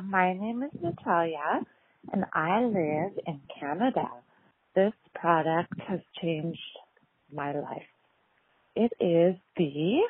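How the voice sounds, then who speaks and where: Slow, husky woman leaving a phone voicemail. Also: mid-range voice. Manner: rambling, chatty, with fillers. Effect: leaving a voicemail over the phone. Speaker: caller. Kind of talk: casual phone message. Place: on the move, walking or driving. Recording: tinny phone-line voicemail.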